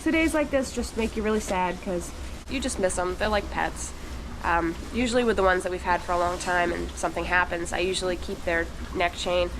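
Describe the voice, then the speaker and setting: Talking briskly in a lowish voice, a woman who works on a dairy farm chats casually to her viewers, sounding stuffed-up and congested with a cold. She's in a dairy barn among calves and cows, and there's plenty of barn noise.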